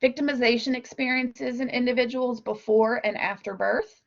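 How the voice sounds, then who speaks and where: A woman gives an explanatory slide presentation, walking through figures point by point in a measured way. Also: on the high side, steady tone, vocal fry. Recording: dull, lo-fi online meeting audio.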